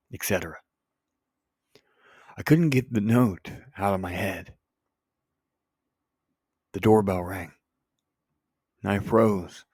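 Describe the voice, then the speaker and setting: Man, horror storyteller, low voice, slow delivery, dry close sound, dramatic pauses. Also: no echo. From United States. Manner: deliberate, with dramatic pauses and profanity. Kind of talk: scripted first-person horror narration.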